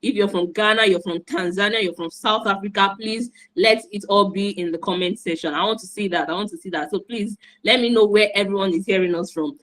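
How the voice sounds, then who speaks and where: A woman's voice: medium pitch, a little fast, hardly any pauses, a bit bright, rough recording. A woman from Nigeria, hosting an online event in an enthusiastic, repetitive, encouraging way over a video call. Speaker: host and moderator.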